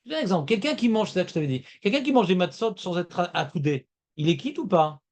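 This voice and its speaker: Animated high-voiced man teaching. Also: fast. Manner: animated, emphatic, repeats points. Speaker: Talmud teacher. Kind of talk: lively Talmud class discussion.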